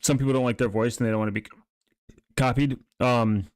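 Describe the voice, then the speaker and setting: A man with a mid-pitched voice rambles through casual commentary. He is halting, often abandoning a thought and starting it again. The sound is dry, with no room echo. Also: steady tone, clean tone. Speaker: streamer reacting to online videos and channels.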